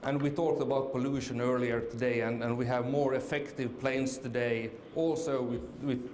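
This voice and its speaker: This conference speaker, a middle-aged Finn, hesitates throughout his presentation, filling gaps and restarting. His voice is mid-range, steady and a little mellow at a moderate pace, captured in an echoey hall with faint noise.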